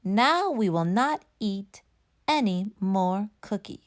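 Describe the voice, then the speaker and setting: A woman's voice: mid-range voice, lively intonation, slow. A woman voicing a sensible, friendly male frog from a children's storybook, speaking in an emphatic, instructive way. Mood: resolute.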